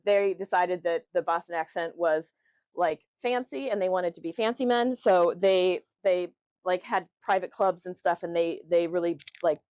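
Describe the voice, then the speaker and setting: A woman's voice: on the low side, darkish tone, no echo, highs cut off. A woman giving an informal, jokey explanatory talk to a group, conversationally demonstrating how words are pronounced. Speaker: presenter.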